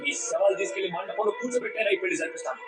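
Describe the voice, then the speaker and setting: An actor playing a proud, hot-tempered middle-aged father of the bride, shouting threats in a film scene. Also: sits high, very fast, over loud music, close to an everyday voice. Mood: enraged. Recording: film audio played off a TV, roomy and distant, loud score.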